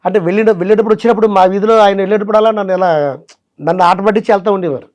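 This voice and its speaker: Guy talking fast about how he started out as a mimic and singer, eager, words tumbling out. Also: high voice, steady tone, a little mellow. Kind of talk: casual interview.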